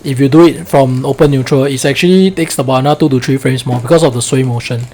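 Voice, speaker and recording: A man's voice: medium pitch, fast, dark tone. A man with a Singlish accent, coaching a fighting game in a casual, colloquial way and often checking with "right?".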